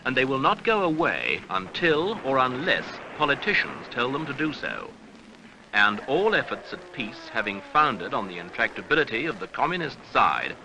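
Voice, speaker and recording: A man with a mid-range voice reads scripted documentary newsreel narration, measured, grave and rhetorical. It's on an archival seventies soundtrack, and the background is noisy.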